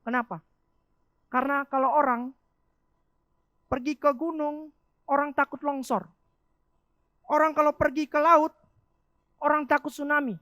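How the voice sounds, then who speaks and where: A woman delivers a youth sermon in a high voice. She preaches in an animated way, asking rhetorical questions and answering them. The sound is dry and close. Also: unhurried, pauses often, dry recording. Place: church.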